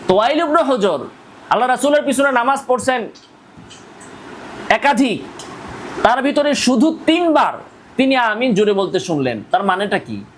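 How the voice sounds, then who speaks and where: A man's voice: very high voice, big pitch swings, moderate pace, long pauses, a little hiss or hum, rough recording. A man, an Islamic scholar from Bangladesh, giving a polemical religious lecture, arguing with repeated rhetorical questions and insistent emphasis.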